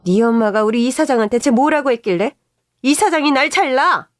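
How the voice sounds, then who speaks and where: A furious, domineering older mother-in-law, as a woman reader puts her on in a story read aloud. She yells her accusations high and loud, and the dry, close sound leaves no room around the voice. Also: expressive, measured pace, dry recording. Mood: shouting, accusing. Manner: yelling, accusing.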